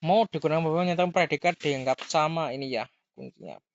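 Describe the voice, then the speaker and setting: A man's voice: fairly high pitch, fast talker, gravelly, dry recording. Man, grammar teacher, repeats key words, reads examples aloud, dull lo-fi sound. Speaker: language teacher. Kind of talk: explaining grammar lesson.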